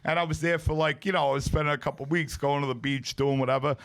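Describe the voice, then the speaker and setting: Casual man with a slightly high voice. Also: fairly even intonation, fast talker, a bit bright, clean tone. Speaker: podcast host, pizzeria owner. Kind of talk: casual chat.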